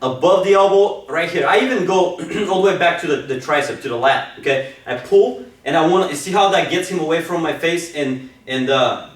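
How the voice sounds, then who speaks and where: In an echoey room with a distant mic, a fairly high-pitched man coaches wrestling at a moderate pace, with few pauses. He talks his students through each move of the technique demo with gusto, leaning on "okay?" and "super."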